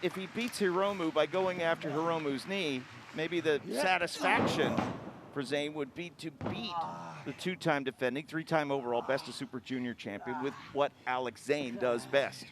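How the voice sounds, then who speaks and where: A man doing live play-by-play wrestling commentary, calling the moves with excitable bursts. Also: a little high. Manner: excitable, quick calls of the action. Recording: loud arena crowd and noise.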